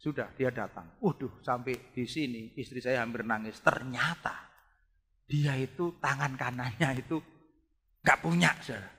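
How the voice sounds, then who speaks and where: A middle-aged man preaching a sermon, animated, speaking straight to the congregation and swinging from soft to loud. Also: medium pitch, normal speed, slightly rough. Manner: animated preaching with big swings in loudness, often addressing the congregation. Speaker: pastor. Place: church hall. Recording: reverberant church hall.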